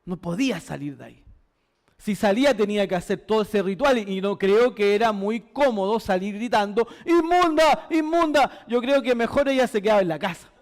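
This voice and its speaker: High-voiced Chilean preacher in an echoey hall. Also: male voice, brisk, a little mellow. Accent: Chilean Spanish. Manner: preaching with rhetorical questions, repeating words for emphasis. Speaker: pastor. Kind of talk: sermon.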